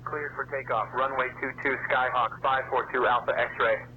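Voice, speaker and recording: A man's voice: mid-range voice, fairly even intonation, moderate pace. Man on tinny cockpit headset radio. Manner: clipped radio phraseology. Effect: pilot radio transmission heard through a cockpit headset. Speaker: AI air traffic radio voice. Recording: tinny radio line with static.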